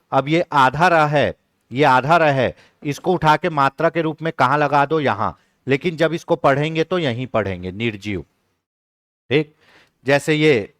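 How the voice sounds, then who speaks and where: A man leads an online exam-prep lesson in a dry, close-miked recording. He explains each point step by step, stopping often to check with his listeners, and stretches key words out slowly when he stresses them. His voice sits at an ordinary middle pitch. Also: no echo. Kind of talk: online class lecture.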